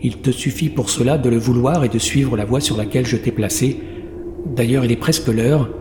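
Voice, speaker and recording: A man voicing a mysterious shadow spirit who speaks slowly, solemnly and in riddles. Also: mid-range voice, natural voice. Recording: roomy long reverb, faint noise.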